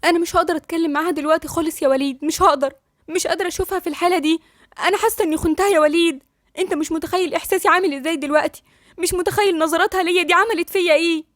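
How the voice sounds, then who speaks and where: A woman's voice: very high-pitched, rapid-fire, a bit bright, no room sound, studio quality, voice pushed up. A woman voicing a tearful, distraught young woman. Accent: Egyptian Arabic.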